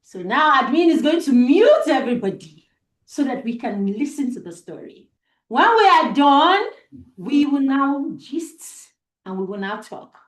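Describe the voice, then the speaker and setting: In a roomy, echoing space, a woman whose voice sits high tells a story live to children as host. She speaks with a Nigerian accent, deliberately and expressively, using repetition and dramatic pauses.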